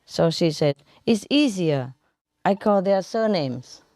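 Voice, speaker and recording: Slow-paced woman laughing at her jokes. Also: lowish voice, animated, darkish tone, dry recording, clean studio sound. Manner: laughs at her own punchlines. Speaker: joke teller. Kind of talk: reading out jokes.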